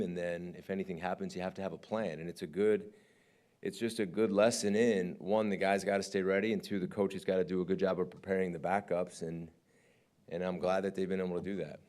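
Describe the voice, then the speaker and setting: Male defensive coordinator, very deep voice, frank press-conference talker. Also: a little mellow. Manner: candid, conversational, often asks "right?".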